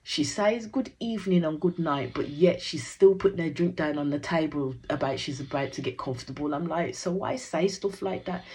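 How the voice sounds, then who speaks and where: A woman recapping a reality show in a chatty, opinionated, slangy way. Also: low-pitched. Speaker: reality TV reaction host. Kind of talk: casual recap commentary.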